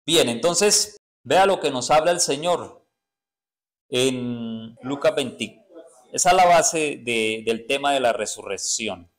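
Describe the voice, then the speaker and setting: Male preacher, teaching sermon, quizzes the congregation, halting repeats. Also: medium pitch, lively intonation. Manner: asks the congregation questions and answers them; halting, repeats words while searching.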